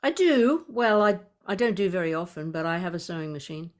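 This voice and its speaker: A woman in her seventies with an Australian accent hosts a conversational podcast interview in a lowish, very animated, fairly quick voice. Chatty and quick to laugh, she keeps slipping into rambling asides.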